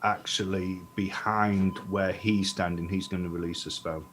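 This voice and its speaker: A man playing in a tabletop game, thinking out loud through spell rules and his moves. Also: deep voice, fairly even intonation, measured pace. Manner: checks rules and plans spell moves aloud. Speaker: player.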